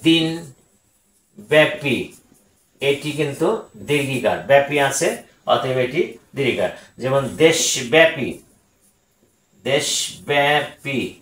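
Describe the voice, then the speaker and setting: A man with a Bangladeshi Bengali accent teaching a grammar lesson, speaking slowly and deliberately, repeating each word and often pausing on "ah". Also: medium pitch, fairly bright tone, roomy sound, low-quality recording.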